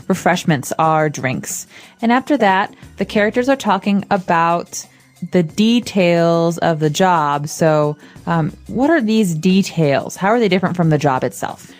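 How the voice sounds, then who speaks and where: A woman's voice: lowish voice, animated, measured pace, soft background music. A woman co-hosting an English lesson podcast, explaining words with many everyday examples. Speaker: co-host.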